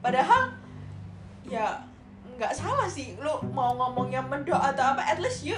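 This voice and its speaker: A woman's voice: sits high, expressive, unhurried, echoey room, over music. A young woman from Surabaya with an East Javanese accent, chatting casually, laughing often and mixing in English phrases. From Surabaya, Indonesia. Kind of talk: casual chat.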